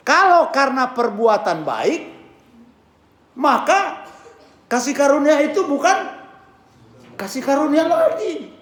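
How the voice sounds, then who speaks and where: A male pastor preaching a sermon with a hoarse voice, swinging from hushed tones to shouting and mixing English phrases into his talk. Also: very high-pitched, sing-song, takes it slowly, long pauses, echoey room. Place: church.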